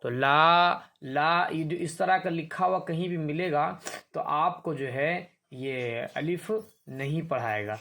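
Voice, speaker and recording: Man teaching a reading lesson, slightly high. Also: vocal fry, sharp tone. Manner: explanatory, repeats words slowly to demonstrate, asks and answers himself. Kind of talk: explaining a lesson on a primer chart.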